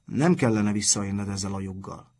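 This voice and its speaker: Man voicing a strict storybook schoolmaster, middle-aged, measured, low, husky. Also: a little mellow. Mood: stern. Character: stern, calm middle-aged male schoolmaster.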